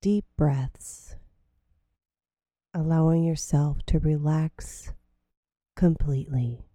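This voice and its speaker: A woman leading a guided grounding meditation in slow, soothing, drawn-out phrases. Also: low voice, steady tone, mellow, no echo, clean studio sound.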